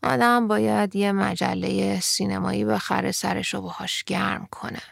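Brief: jaded adult man, dry and condescending, read by a woman narrator, gravelly, dry recording. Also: mid-range voice, flat delivery, no room sound. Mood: wry. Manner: dry, dismissive, mildly patronizing. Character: weary grown man, older than the girl.

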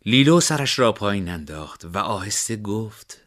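A man narrating a story in a steady, measured way. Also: on the low side.

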